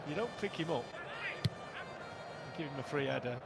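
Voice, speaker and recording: Male co-commentator for live football, high voice, short explanatory phrases, loud musical backing. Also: expressive, normal speed, gravelly, over loud music. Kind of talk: analytical live match commentary.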